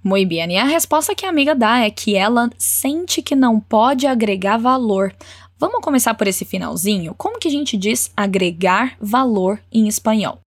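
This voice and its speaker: Woman teaching spanish, says phrases slow and clear, cheers you on, dry close sound. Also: fairly high pitch, animated, no echo. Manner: encouraging, models phrases slowly and clearly. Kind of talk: language lesson with repeat-after-me drills.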